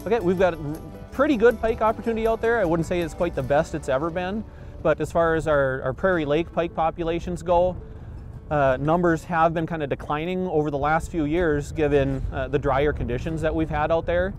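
By a river outdoors, a man in his forties, a fisheries biologist, earnestly explains his answers to interview questions, restarting often and using lots of fillers. He talks a little high and a little fast, with soft music behind him.

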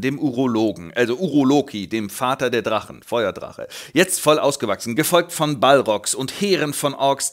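A man narrating a comic summary of a book in a flippant, jokey way. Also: mid-range voice. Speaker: host, narrator.

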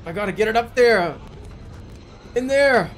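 A man's voice: high voice, expressive, measured pace, slight background noise. A man in his thirties giving exasperated live gameplay commentary, often repeating short phrases and swearing. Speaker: video game streamer.

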